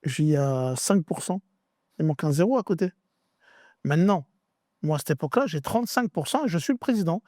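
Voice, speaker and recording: Male guest, slangy storyteller, lively higher voice, dry sound. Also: fairly quick, pauses often, no room sound. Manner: animated, acts out dialogue, slangy street French. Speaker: podcast guest. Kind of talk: casual storytelling interview.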